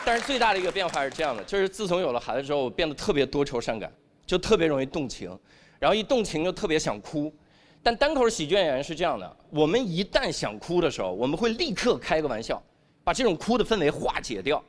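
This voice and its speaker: A man performing a stand-up comedy routine on stage, animated and acting out the voices he quotes. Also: fairly high pitch, quick pace. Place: comedy stage before a live audience.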